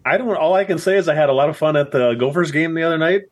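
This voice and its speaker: A man co-hosting a casual sports podcast, relaxed and wry, often laughing. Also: a little high, very fast. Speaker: podcast co-host.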